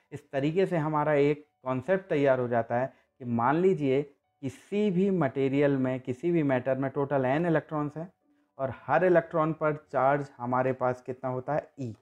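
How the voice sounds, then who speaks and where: An Indian-accented man teaches a physics lesson, going over each idea step by step and restating the key points. His voice sits in a middle pitch. The recording is a little dull and lo-fi, with faint music under it. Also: a little mellow. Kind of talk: explanatory classroom lesson.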